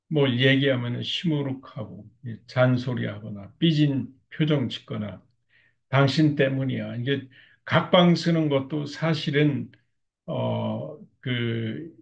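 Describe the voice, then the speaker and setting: A man's voice: medium pitch, creaky. An older man giving a recorded lecture on marriage communication, with frequent fillers and short acted example quotes. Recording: dull lo-fi recording.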